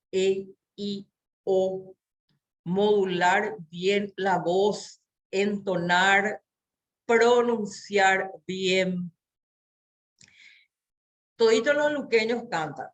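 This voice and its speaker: A woman teaching catechists about speaking, demonstrating voice and tone as she lectures. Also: medium pitch. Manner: expressive, demonstrative, slow. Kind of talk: training lecture.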